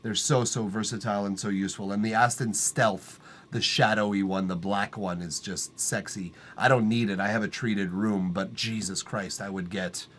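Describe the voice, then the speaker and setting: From his acoustically treated home studio, a male live-stream host chats casually and offers music feedback, his tenor voice sitting on the low side with a steady tone at normal speed. The sound is a bit bright. His delivery is laid-back, profane and rambling, packed with ums, fillers and restarts.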